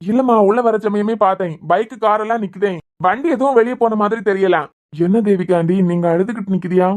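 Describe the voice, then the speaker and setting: A woman's voice: mid-range voice, fast talker, darkish tone, close to an everyday voice. A woman with a Kanyakumari Tamil accent voicing a polite, bewildered young man in a cartoon serial.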